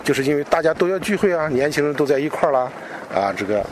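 A man speaking as a local guide, explaining things off the cuff to an interviewer in a halting, repetitive way. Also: a little high, lively intonation. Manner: halting, repeats phrases, frequent filler particles. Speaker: local culture expert and guide. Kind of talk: unscripted explanatory talk to an interviewer. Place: outdoors. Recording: noisy outdoor location recording.

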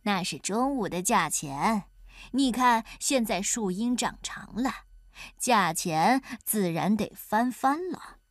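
A woman voicing a clever, sly folk-hero man in a children's storybook reading, calm and teasing. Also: mid-range voice, dry recording. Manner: calm, teasing, deliberately slow. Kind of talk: storybook character voice.

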